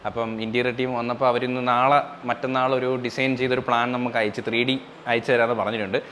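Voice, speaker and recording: Quick-talking man vlogging. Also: mid-range voice, flat delivery, a bit bright, slight background noise. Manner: chatty, addresses viewers as guys. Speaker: family vlogger. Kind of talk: casual home vlog.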